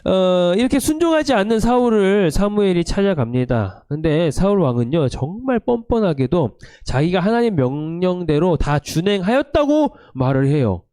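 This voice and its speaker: A man giving a sermon to a youth group, telling a story in an animated way and acting out the quoted lines. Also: high-pitched, normal speed, few pauses, smooth, dry recording, studio quality. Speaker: youth pastor. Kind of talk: sermon to teenagers. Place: church, online service.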